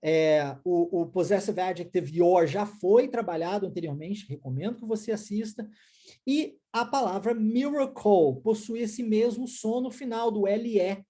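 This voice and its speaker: A woman's voice: mid-range voice, a little slow, dark tone. A woman with a Brazilian Portuguese accent teaching an online English lesson, explaining step by step and often checking in with short questions.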